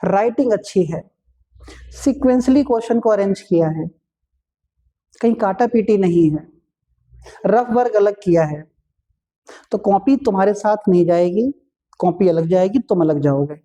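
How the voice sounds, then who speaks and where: A man who teaches physics, giving exam tips in a relaxed classroom talk, repeating each point and joking with students. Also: sits high, unhurried, long pauses. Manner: chatty, repeats each point, calls students "bhai", light jokes.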